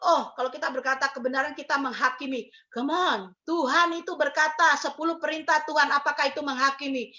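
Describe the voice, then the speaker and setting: Woman, middle-aged, preacher, sermon, bright ringing tone, rhetorical questions, dull recording. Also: very high voice. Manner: emphatic, asks rhetorical questions, mixes in English phrases.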